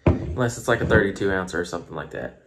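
A man's voice: sits low, animated, fast talker, heavy background noise. A man with a Southern US accent casually reviewing a drink on a phone camera at home, chatty, rambling and self-mocking. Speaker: beer reviewer. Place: home room.

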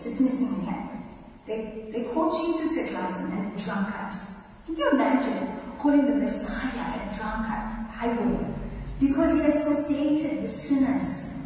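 Speaking high in her range with a dark tone, this woman delivers a sermon at the lectern in a big church, chatting with the congregation and pressing them with rhetorical questions. The lectern microphone captures her from afar in the echoing hall, and there is a little background noise.

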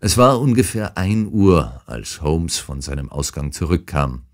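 A man reading an audiobook as narrator, in a measured, even storytelling manner. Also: a bass voice.

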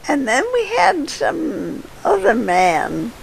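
An older woman being interviewed, telling old neighborhood stories in a halting way with fillers and chuckles. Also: a little high, wildly swooping pitch, gravelly, slight background noise. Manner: halting storyteller with frequent laughs and fillers. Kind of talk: casual reminiscing.

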